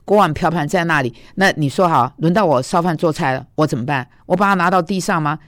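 A woman's voice: sits low, quick pace, no echo, studio quality. Earnest woman in her sixties, devotional talk. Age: 60s. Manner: earnest and emotional, drops her voice for quoted speech. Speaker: seminary teacher giving recorded devotional teaching. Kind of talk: confessional devotional talk with personal stories.

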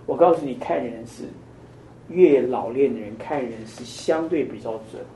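A man's voice: medium pitch, moderate pace, mellow, a little hiss or hum. An older man teaching a conversational Bible study, asking his listeners many questions. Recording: echoey room, mic at a distance.

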